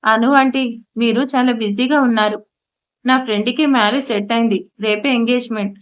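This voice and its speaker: A woman's voice: on the high side, steady tone, a little fast, close to an everyday voice. A woman voicing a torn young man in an audio story, speaking defensively and pleadingly. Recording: slightly muffled audio.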